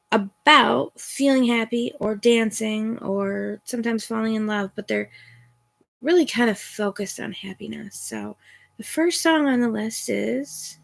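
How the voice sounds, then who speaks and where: A woman's voice: on the high side, takes it slowly, creaky. A woman tarot reader chatting casually on a home livestream, rambling with ums and self-corrections. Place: at home at a computer. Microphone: phone or computer mic.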